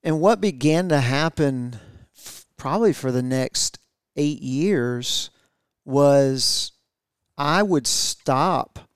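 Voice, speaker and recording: In clean, dry studio sound, a middle-aged podcast co-host chats casually and reflectively with his wife, often using fillers and starting over. He speaks slowly and expressively at medium pitch, with a clean tone.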